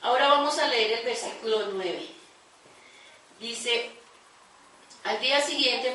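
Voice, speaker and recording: A woman's voice: a little high, a bit bright, a little hiss or hum. A woman pastor preaching a sermon, praying aloud with fervour and reading scripture to her congregation. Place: large echoey church hall. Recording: very echoey church recording from far off.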